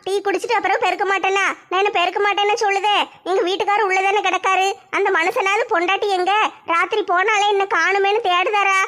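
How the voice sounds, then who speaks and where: Very high, bright-voiced woman in a comedy skit. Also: fast. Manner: complaining, animated chatter. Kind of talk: comic home skit acting.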